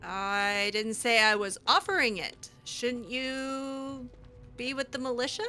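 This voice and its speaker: This woman keeps up sassy, playful, assertive in-character banter while playing a role-play game. Her fairly high voice moves slowly with a sharp tone over soft background music.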